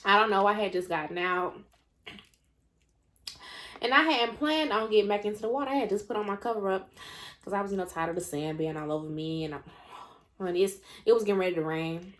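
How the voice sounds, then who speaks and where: A woman's voice: medium pitch, fast. A young woman tells a story to her viewers while she eats. She is sassy and talkative and says y'all and honey. Her words come between bites, with her mouth still full. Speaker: mukbang vlogger. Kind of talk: casual story time while eating.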